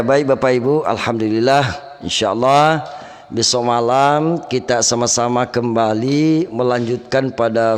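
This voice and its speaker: A man teaching Quran recitation rules, chanting verses slowly and melodically between plain explanations. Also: mid-range voice, smooth, long reverb tail. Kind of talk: tajwid lesson with chanted recitation.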